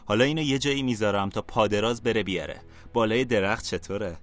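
A man's voice: fairly low pitch, lively intonation, a bit bright. A man voicing a sly, mocking schoolboy bully in a storybook reading. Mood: taunting. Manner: sneering, sly.

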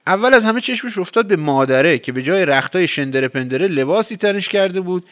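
A man narrating a folk tale for a podcast in a relaxed, colloquial storytelling manner. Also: high-pitched.

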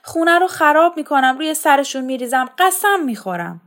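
A woman voicing a bitter, despairing, worn-out mother in an audiobook reading, delivered in a raised, shrill, tearful way. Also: expressive, gravelly. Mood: anguished.

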